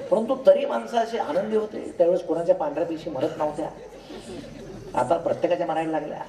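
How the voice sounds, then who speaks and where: A man with a Marathi accent giving a humorous public lecture, telling jokes and acting out the dialogue in his stories. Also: a little high. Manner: joking storyteller, acts out dialogue. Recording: echoey hall, distant mic, crowd.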